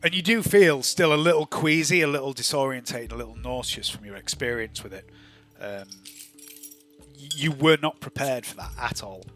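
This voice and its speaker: A man narrates a tabletop game as its game master. His phrasing is measured and theatrical, in a middling pitch, over faint music. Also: fairly bright tone. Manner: dramatic, measured phrasing with deliberate repetition.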